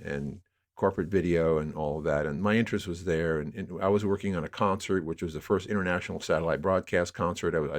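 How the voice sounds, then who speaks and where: An older American man, a media producer appearing as an interview guest, reflects in a low-pitched voice. His speech is halting and rambling, often circling back to repeat his own phrases.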